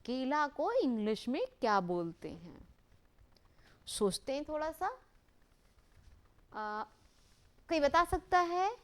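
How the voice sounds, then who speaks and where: Slow, high-pitched, lively woman teacher. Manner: call-and-response prompting, drawn-out repeated words. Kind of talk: classroom lesson for young children.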